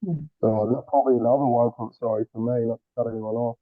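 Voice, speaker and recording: A man's voice: medium pitch, steady tone, no echo. Man on a muffled underwater-sounding call. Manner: earnest, halting with restarts. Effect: muffled, underwater-sounding audio. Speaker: group call participant. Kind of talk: casual group discussion. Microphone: remote call, no earphones. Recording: muffled phone-like call line.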